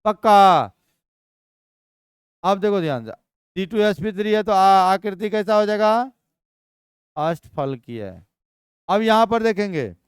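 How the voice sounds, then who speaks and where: High-voiced man, chemistry lecture, lively and quizzing, very clear dry sound. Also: no room sound. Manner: energetic, questioning students constantly. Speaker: chemistry teacher. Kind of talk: live classroom lecture.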